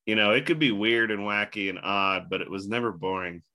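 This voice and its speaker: Lower-pitched man with a bright voice, hiccuping. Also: a little fast. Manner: rambling, loose, jokey. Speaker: podcast host. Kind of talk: casual chat.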